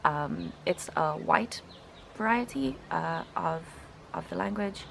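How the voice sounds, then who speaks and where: A linguistics student in her twenties with a South African English accent presents a reaction video, explaining things informally to camera and sounding out vowels as examples. Her voice is low and gravelly, slow, with lively intonation and slight background noise.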